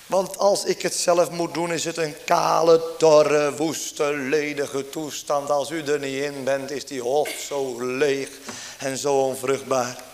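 A man's voice: on the high side, flat delivery, slow, a little hiss or hum. A man preaching a fervent sermon, pleading with his listeners and asking them question after question.

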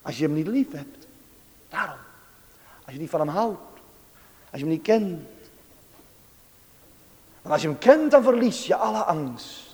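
A man preaching a sermon, swinging between hushed tenderness and rising fervor. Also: on the high side, sing-song, unhurried, pauses often. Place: church. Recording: long reverb of a church hall.

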